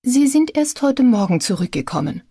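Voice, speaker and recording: A woman putting on a nosy older neighbor who gossips and complains. The voice climbs high and whiny, with a husky edge. It sounds dry and close. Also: very animated, moderate pace, dark tone, no room sound. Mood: indignant gossip. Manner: whiny, indignant, high-pitched.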